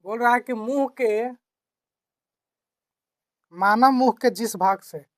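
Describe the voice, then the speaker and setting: Slow, repetitive woman teacher explaining grammar. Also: on the high side, dry recording, studio quality. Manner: repeats key phrases, asks and answers own questions.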